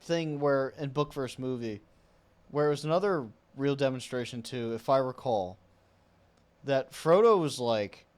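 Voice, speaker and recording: A man co-hosting a relaxed casual chat. He backs up his friend with short affirmations. He offers his own opinions in a loose, conversational way. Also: medium pitch, moderate pace, smooth. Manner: agreeable, chimes in with short affirmations. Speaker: podcast co-host.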